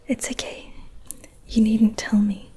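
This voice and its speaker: A woman's voice: fairly high pitch, level tone, mellow, breathy edge, exaggerated voice. A woman playing a proud, mischievous leprechaun in a whispered role-play, with quaint phrases and lingering repeated words. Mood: awed, delighted. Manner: playful, haughty storybook leprechaun with quaint turns of phrase; slow, lingering repetition of words. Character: proud, mischievous leprechaun collector of trinkets and treasures.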